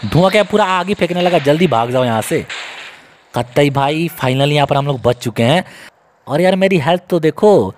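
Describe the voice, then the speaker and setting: Young male gaming YouTuber, excitable, jokey, voice a bit high, faint hiss behind. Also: moderate pace. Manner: excitable, joking, addresses viewers as guys. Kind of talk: casual gameplay commentary.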